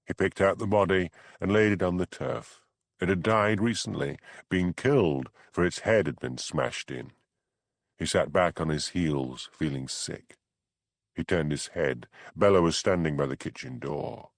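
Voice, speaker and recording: A man narrating an audiobook in an expressive, dramatic reading. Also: low voice, a little slow, no echo. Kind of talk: scripted narration.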